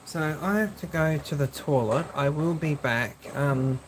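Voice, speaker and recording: A live streamer, a woman with a very low voice, talking slowly and easily to her chat between reactions. The faint hum of noise sits behind her voice. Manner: relaxed, chatty with viewers.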